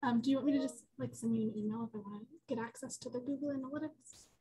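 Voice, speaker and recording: A woman attending a staff training on a video call, asking a question softly and hesitantly. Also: fairly high pitch, steady tone, rapid-fire, husky, poor audio.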